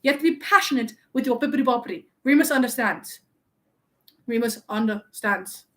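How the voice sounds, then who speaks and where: A woman's voice: fairly high pitch, a little fast, a bit bright, close to an everyday voice. A woman streamer playing a vain, playful young male wizard, chatting in a teasing, mock-offended way while hosting a live-stream role-play. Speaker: livestream host.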